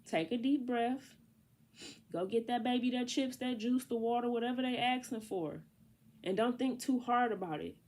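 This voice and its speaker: This woman's voice is fairly high and slightly mellow, with an allergy-stuffed nose. She's doing a laid-back tarot reading, talking to her viewer in a chatty, slang-heavy way.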